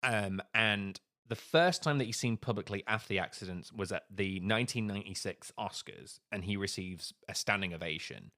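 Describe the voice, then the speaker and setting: A man with a fairly low voice co-hosts a casual podcast. He retells a story at an easy pace, dropping into animated little impressions along the way. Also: moderate pace, few pauses. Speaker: podcast co-host. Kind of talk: casual chat.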